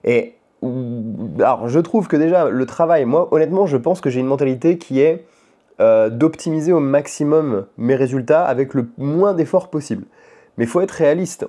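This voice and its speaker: A man in a casual home vlog, with a warm, mellow voice and a middle pitch. He talks in an easy, rambling way, with many small hesitations. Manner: relaxed and rambling, with frequent hesitations. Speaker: language-learning vlogger and podcaster. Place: at home in his apartment.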